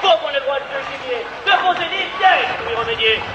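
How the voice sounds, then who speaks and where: A man's voice: very high voice, lively intonation, moderate pace. A man playing a defiant, mocking peasant poacher with declamatory delivery in an amateur historical pageant. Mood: boastful. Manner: declamatory, taunting. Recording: muffled, echoey outdoor recording, crowd noise.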